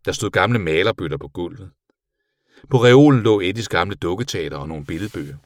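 A man reading a children's storybook aloud with an expressive delivery. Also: deep voice, dry recording, clean studio sound. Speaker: narrator.

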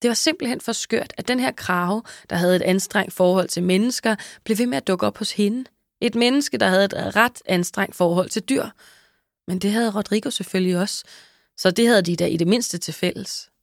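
A woman narrating a children's story in a lively, expressive way. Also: medium pitch, vocal fry, no room sound, clean studio sound. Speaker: audiobook narrator. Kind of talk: scripted narration.

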